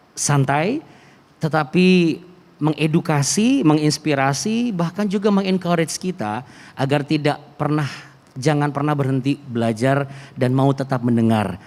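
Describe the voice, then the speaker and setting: A man's voice: medium pitch, a little mellow. A man hosting a conversational talk show, speaking through a face mask in a wordy, polite way and repeating himself for emphasis. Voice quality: slightly muffled by a face mask. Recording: reverberant hall.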